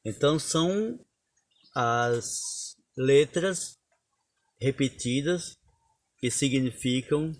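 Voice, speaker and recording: Slow, patient teacher. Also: male voice, mid-range voice, vocal fry, breathy edge. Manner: unhurried, explains step by step and recites verses. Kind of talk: lesson on cordel poetry.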